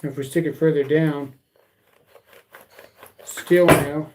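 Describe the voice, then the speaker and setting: A man with a slightly high voice hosts a live tool stream in a loose, rambling way. He chats straight to his viewers, calling them guys and dude, and stumbles over repeated words. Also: fairly even intonation, slow pace, heavy background noise. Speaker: YouTube tool channel host. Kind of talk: casual livestream chat.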